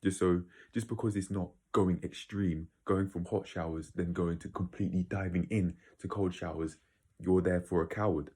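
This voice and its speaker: Very deep, dark-voiced man rambling bluntly. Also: steady tone, normal speed, slightly rough. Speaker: video creator. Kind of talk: casual opinionated monologue to viewers.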